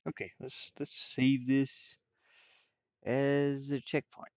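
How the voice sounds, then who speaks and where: Drawing game art on a livestream, this developer rambles casually and half mutters to himself as he works. He speaks slowly in a monotone, medium-pitched and a little mellow. The audio is dry with the highs cut off.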